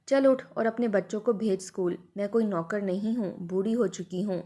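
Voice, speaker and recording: A scheming elderly mother-in-law barks orders at her daughter-in-law, as a woman narrator puts her on. Her scolding is blunt and bossy, the voice mellow rather than bright. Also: medium pitch, close to an everyday voice.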